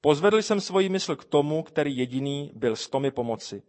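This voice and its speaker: A man reading a first-person testimony aloud in an earnest, measured way. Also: on the high side, lively intonation, darkish tone. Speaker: reader.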